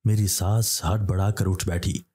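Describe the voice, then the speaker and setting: Low husky male horror-story narrator. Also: flat delivery, unhurried, warm tone.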